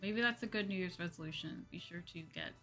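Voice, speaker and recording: Talking fast, a female VTuber hosts her livestream in a relaxed, giggly, chatty manner. Her pitch is fairly low and her tone a bit bright, and background music plays behind her voice.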